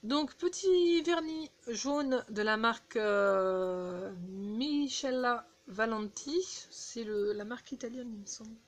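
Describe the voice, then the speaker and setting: A woman casually chatting through a beauty haul, halting with fillers and restarts, recorded on a phone indoors. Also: a little high. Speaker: beauty vlogger.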